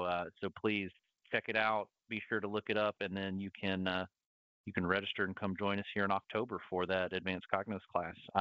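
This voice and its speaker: A man's voice: fairly low pitch, smooth, no room sound, dull audio. A man with a Southern US accent hosting a webinar, upbeat and promotional as he wraps up the session. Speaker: host. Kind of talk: webinar wrap-up.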